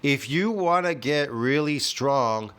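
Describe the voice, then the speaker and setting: A man's voice: mid-range voice, expressive, slow pace, a bit bright, smooth. A man in his fifties ranting in a reaction video from home, scornful and profane, constantly tossing in "man" and "bro.". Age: 50s. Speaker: fitness video host.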